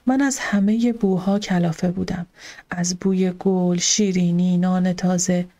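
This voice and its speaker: A woman narrating a novel in the first person in a calm, steady storytelling manner. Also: lowish voice. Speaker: audiobook narrator.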